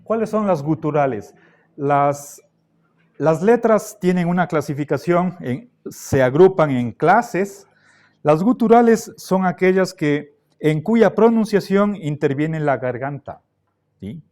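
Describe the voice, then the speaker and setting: A middle-aged man gives a classroom lecture, his voice sitting a little high. He talks very slowly and patiently. He keeps pausing to check that the students are following. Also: lively intonation, darkish tone. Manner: slow, patient, checks in with frequent "¿sí?" and "¿ya?". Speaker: philosophy teacher.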